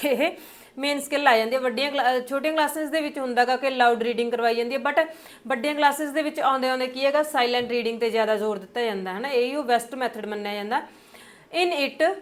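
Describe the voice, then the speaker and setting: A young woman with a Punjabi accent, teaching an exam-prep lesson, explaining patiently with many fillers and reading English points slowly. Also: high voice, a bit bright.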